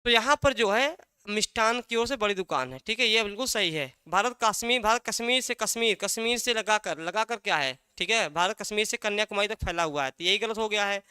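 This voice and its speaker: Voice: medium pitch, brisk, sharp tone, clean tone, no room sound, clean studio sound. A teacher giving an exam-prep language lesson, asking a question and then answering it, repeating key words again and again.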